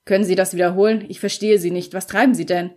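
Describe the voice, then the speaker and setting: A woman's voice: mid-range voice, fairly even intonation, fast talker, darkish tone, lightly acted. A woman voicing an impatient, stiff businessman in a read-aloud novel excerpt, speaking in clipped lines close to her own voice.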